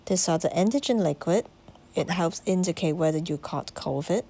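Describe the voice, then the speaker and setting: A woman, hoarse from illness, plainly explaining and demonstrating items for a home video. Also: on the low side, animated, moderate pace, mellow. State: hoarse sick voice. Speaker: vlogger.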